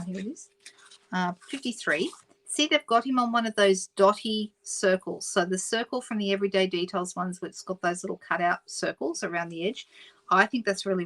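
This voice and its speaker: A middle-aged Australian woman hosts a live papercraft stream, chatting casually as she works, reading out viewer comments and correcting herself. Her medium-pitched voice is a bit bright. The low-quality recording carries a little hiss or hum.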